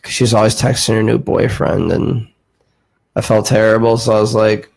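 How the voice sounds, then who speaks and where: Man, late twenties, podcast host, gravelly voice, casual profane rambling storytelling. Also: fairly low pitch, fairly even intonation, normal speed, darkish tone. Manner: rambling, profane, heavy use of "like".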